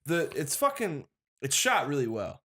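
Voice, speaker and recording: A man's voice: on the high side, wildly swooping pitch, a little slow, sharp tone. A young man from Michigan co-hosting a podcast in casual, enthusiastic chat, swearing freely. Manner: loose, swears a lot, enthusiastic. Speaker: podcast co-host.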